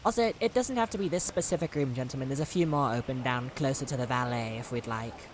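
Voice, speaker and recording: A woman's voice: rumbling low, fast, slight background noise, poor audio. A woman streamer talking in character during a roleplay game, chatty and hesitant with fillers.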